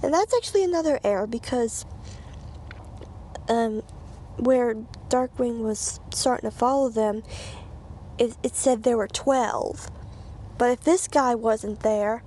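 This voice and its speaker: A woman's voice: on the high side, unhurried, long pauses, mellow, slight background noise. A woman reading a children's storybook aloud, stumbling and repeating phrases, with casual asides. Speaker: reader.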